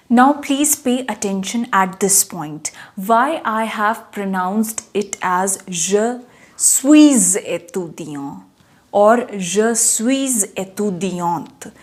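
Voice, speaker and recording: A young woman teaching a beginner French lesson, repeating and spelling out each phrase patiently. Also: mid-range voice. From India. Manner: repeats words slowly, spells them out. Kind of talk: slow, patient language lesson.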